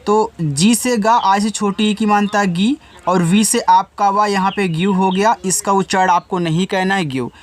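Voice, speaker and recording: A man's voice: high-pitched, steady tone, normal speed, few pauses. A man teaching beginners to read, patiently spelling words out letter by letter and speaking directly to the student. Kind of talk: spelling and reading lesson for beginners.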